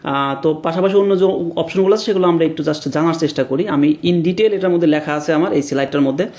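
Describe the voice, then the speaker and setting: A man's voice: on the high side, fast talker, a little mellow. A man giving an exam-prep grammar lecture over slides, explaining step by step with many fillers and rhetorical questions, dropping in English words. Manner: mixes English words into his talk. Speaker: grammar teacher.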